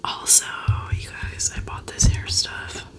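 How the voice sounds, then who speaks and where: A woman in her twenties whispering casual ASMR chat in a hushed, unvoiced voice, close to the microphone. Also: a little slow, loud music behind the voice. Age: 20s. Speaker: ASMR video host. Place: small dim bedroom, indoors.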